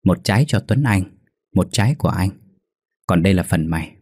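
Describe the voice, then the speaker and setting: A man voicing a poor, tough boy who acts as a protective big brother, talking gruffly. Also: deep voice, animated, a little fast, darkish tone, dry recording, studio quality. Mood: coaxing.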